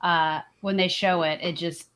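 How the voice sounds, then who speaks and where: A woman's voice: fairly low pitch, fairly even intonation, measured pace, fairly bright tone, a little hiss or hum. A woman hosting a show, chatting casually over a video call and giving frequent short affirmations. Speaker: show host. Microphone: video call microphone.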